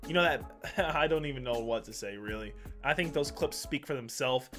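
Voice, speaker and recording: A young man hosts a reaction video from a small room at home, giving casual commentary in a medium-pitched, fairly bright voice at a slightly fast pace. He's laid-back and chatty, calling his viewers "guys," and sounds nasal and stuffed up from a cold. He talks into a gaming headset mic, with faint music behind.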